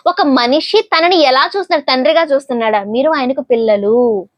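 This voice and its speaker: Woman preacher, high voice, dry close sound; chatty sermon delivery that keeps asking the congregation questions. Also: fairly bright tone, no echo. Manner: conversational, asks the listeners questions.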